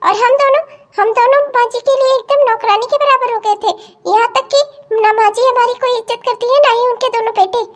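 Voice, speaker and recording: A woman playing a young daughter-in-law in a cartoon, sugary and quietly sly, with a very high voice. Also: steady tone, quick pace.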